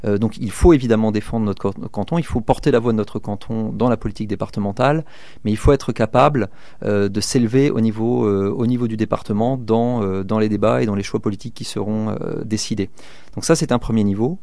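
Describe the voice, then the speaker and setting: A man's voice: on the low side, fairly quick, mellow, no echo. A man in his thirties from northern France, a local election candidate answering interview questions hesitantly, with many fillers and restarts. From southern Manche, France. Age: 30s.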